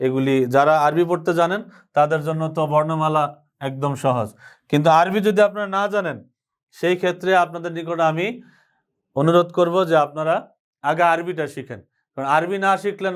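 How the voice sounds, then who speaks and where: A man teaching an alphabet lesson, patiently repeating each letter sound slowly. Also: high-pitched, smooth. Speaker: Urdu language teacher.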